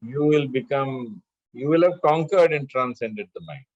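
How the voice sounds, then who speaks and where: A man teaching spiritual lessons in a measured way, chanting scripture verses between his explanations. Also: mid-range voice, animated, a little mellow, no room sound, highs cut off. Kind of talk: spiritual discourse with scripture recitation.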